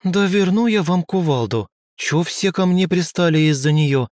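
A man's voice: sits high, expressive, moderate pace, darkish tone, dry recording, clean studio sound, voice pushed up. A man voicing a mischievous little girl with a nasal, whiny way of talking. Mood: sulky.

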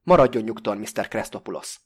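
A soft-spoken, sardonic hijacker speaks with icy calm, read by a man in an audiobook. His husky voice stays level and polite while the threat sits underneath. He mocks his captives without ever raising his tone. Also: medium pitch, natural voice. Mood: quietly menacing. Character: calm, mocking male hijacker, coolly menacing.

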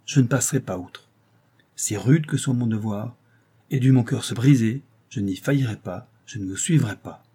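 A man's voice: medium pitch, moderate pace, mellow, breathy edge, close to an everyday voice. A man reading as a proud young noblewoman. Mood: resolute. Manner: earnest, declamatory reading.

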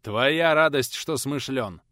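A man voicing a stern, gruff elderly male teacher who scolds and gives orders but is kind at heart. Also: medium pitch, slow, bright, forceful tone, no echo, studio quality, voice pushed up. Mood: scolding. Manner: gruff, commanding.

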